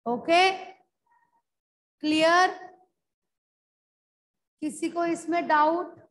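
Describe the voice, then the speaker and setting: A high-voiced woman teaching a revision class at an unhurried pace. She draws out key words for her students to take down and drops in English words as she explains. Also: steady tone, a bit bright. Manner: drawn-out dictation of key words, calls students "beta". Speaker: school Hindi teacher. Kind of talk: online class revision lesson.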